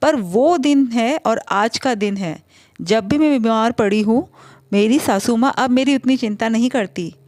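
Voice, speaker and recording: A woman narrates a family story in the first person, talking conversationally and stumbling now and then. Her voice sits fairly high, and the recording is close and dry. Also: a little slow, a little mellow, dry recording. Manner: conversational, with small slips.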